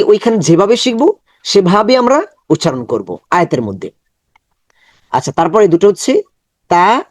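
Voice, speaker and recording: A man with a Bangladeshi Bengali accent teaching Quran letter pronunciation, slowly repeating each sound as an online lesson. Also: high voice, a little mellow, no room sound. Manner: slow, drawn-out repetition of letter sounds. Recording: dull, dry lo-fi recording.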